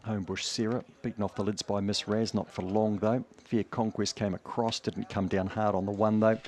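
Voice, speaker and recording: A man's voice: on the low side, level tone, moderate pace, a little mellow. A man with a broad New Zealand accent giving live greyhound race commentary in a clipped running call of positions.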